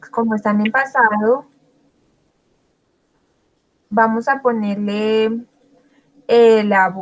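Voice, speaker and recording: Lady teacher going really slow, kinda high voice, repeats everything. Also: fairly bright tone, rough recording. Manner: slow, patient, repeats and translates each answer. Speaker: English teacher. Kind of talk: bilingual grammar lesson.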